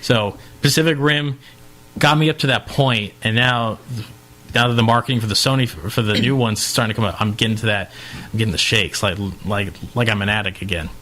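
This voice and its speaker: Male podcast co-host, excitable storyteller who acts out the quotes he tells. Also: fairly low pitch, brisk. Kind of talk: casual chat.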